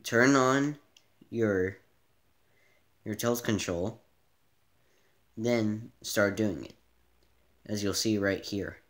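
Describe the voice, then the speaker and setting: Slow-talking man in an echoey room. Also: on the low side. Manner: relaxed, repeats himself, thinks aloud. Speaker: gaming channel host. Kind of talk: casual gameplay tutorial. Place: dim room in front of a TV.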